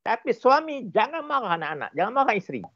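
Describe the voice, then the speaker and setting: A man with a Malaysian Malay accent, a relationship expert giving animated, emphatic explanations in an interview. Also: very high voice, fast talker, no echo, dull audio. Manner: animated, emphatic, repeats points for effect.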